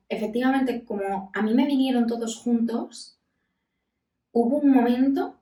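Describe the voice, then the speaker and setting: A woman in her thirties, a psychologist, talking candidly and calmly about grief, with many pauses. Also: mid-range voice. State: voice breaking with emotion. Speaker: psychologist and podcast host. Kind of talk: reflective self-help talk. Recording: roomy echo, mic at a distance.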